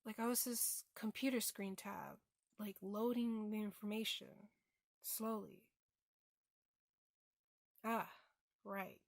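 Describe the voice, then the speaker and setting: A young woman, a theatre student, performing a reflective monologue, halting and restarting as she talks. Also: medium pitch, fairly even intonation, creaky, no room sound, clean studio sound. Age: young adult.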